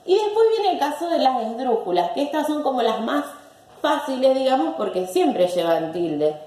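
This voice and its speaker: A woman's voice: sits high, very animated, moderate pace, mellow, echoey room. A woman teacher giving a recorded language lesson, patiently repeating words syllable by syllable.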